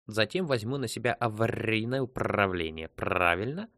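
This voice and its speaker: A man voicing a polite, unhurried male ship computer that talks in a slow, measured, dutiful way. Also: lowish voice, animated, gravelly, fairly bright tone, dry recording, clean studio sound.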